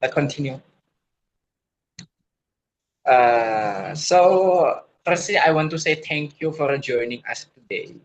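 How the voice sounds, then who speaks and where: A man's voice: fairly high pitch, animated, unhurried, low-quality recording. A young man, playing a hesitant, apologetic interviewer who uses many fillers. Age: young adult. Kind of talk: scripted job interview role-play.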